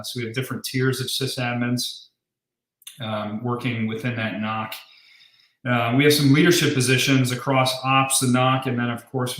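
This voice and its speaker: A man's voice: mid-range voice, a bit bright, roomy sound, low-quality recording. A man giving an informal, explanatory recruiting presentation to a group on a call, as a recruiter listing open positions.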